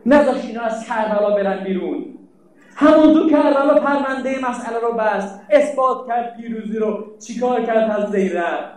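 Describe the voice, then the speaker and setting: A man's voice: very high-pitched, darkish tone. A man preaching a mourning sermon with chanted verse, impassioned and declaiming, his voice rising to cries. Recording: very echoey hall, voice far from mic.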